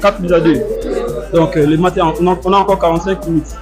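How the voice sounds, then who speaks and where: A man's voice: high voice, fairly even intonation, quick pace. A man interviewed at a football viewing, talking with confidence about his team. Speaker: fan interviewed. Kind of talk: casual interview answers. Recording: music loud behind. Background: music.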